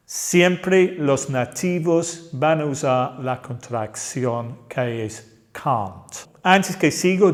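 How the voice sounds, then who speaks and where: A man from Britain gives a language lesson in Spanish, his English accent plain throughout. He talks at a deliberately unhurried pace in an average-pitched voice. He repeats example sentences one by one, carefully and clearly. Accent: British English speaker talking Spanish. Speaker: English teacher.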